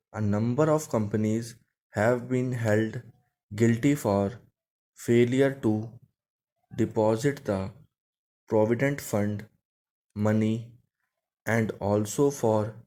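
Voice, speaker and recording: A man's voice: mid-range voice, warm tone. A man with an Indian accent reading a script aloud as dictation, in short, separated phrases. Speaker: dictation reader for shorthand skill test. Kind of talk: slow measured dictation read from a script.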